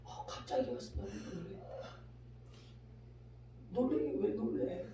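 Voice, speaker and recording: A woman preacher giving a fiery sermon. She swings between shouting and hushed asides, firing rhetorical questions at the congregation. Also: mid-range voice, animated, takes it slowly. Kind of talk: fiery Korean revival sermon. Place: large echoing prayer-house hall. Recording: very echoey hall, voice far from mic, faint hum.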